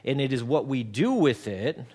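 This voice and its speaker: A man's voice: mid-range voice, big pitch swings, normal speed, dark tone. A man in his forties preaching a conversational sermon, often repeating words and mixing in homely everyday examples. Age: 40s. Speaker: pastor.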